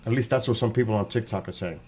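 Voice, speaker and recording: Fairly low and darkish in tone, this quick-talking New Yorker hosts a livestream, rambling between greetings and reading viewers' comments aloud. The recording has clear background noise and room ambience.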